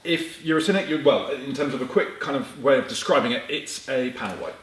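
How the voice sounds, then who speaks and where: Male host, quick wry interviewer, echoey room. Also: medium pitch, a bit bright. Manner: chatty and wry, with restarts. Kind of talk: casual interview chat. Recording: roomy echo.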